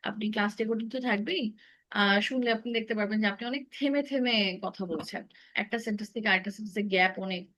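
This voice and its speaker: A woman's voice: medium pitch, rapid-fire, a bit bright, low-quality recording. A woman teacher giving direct, corrective feedback on a student's English speaking in an online class.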